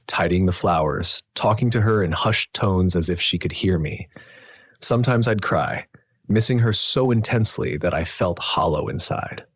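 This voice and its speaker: A man narrating a first-person family drama story in a steady, dramatic way. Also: low-pitched, breathy edge, no room sound, clean studio sound. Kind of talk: scripted narration.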